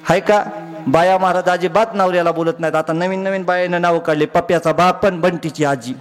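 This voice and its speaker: High-voiced, animated comic kirtan preacher. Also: male voice, a little fast. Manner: animated storytelling, acting out each character; often addresses the crowd as maharaj and baba. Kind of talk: comedic devotional sermon.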